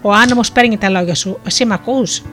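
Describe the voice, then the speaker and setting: A melodious, good-natured sea princess in the guise of a talking turtle, as a woman narrator puts her on. She teases gently and speaks with easy warmth. Faint music plays under the storybook reading. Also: mid-range voice, close to an everyday voice. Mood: gentle. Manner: melodious, playful and kind.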